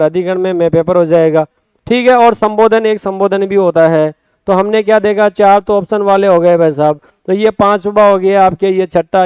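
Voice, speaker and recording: A man with a Rajasthani Hindi accent runs an exam-prep lesson in a high, smooth, resonant voice. He talks in a lively way, drawing out words and calling his students friends. The sound is dry and close, with no room echo. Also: muffled recording. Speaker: Hindi exam coaching teacher. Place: classroom or studio.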